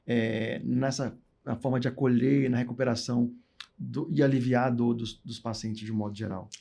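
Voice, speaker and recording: Gravelly husky male podcast host. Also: mid-range voice, steady tone, moderate pace, dark tone. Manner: brief affirming interjections. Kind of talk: podcast interview.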